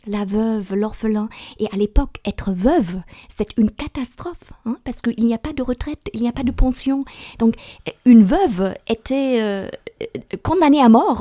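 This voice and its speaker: A woman's voice: on the high side, dark tone, no echo, studio quality. A woman on a Bible study panel, speaking reflectively and often adding small tag words as she talks. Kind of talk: religious panel discussion.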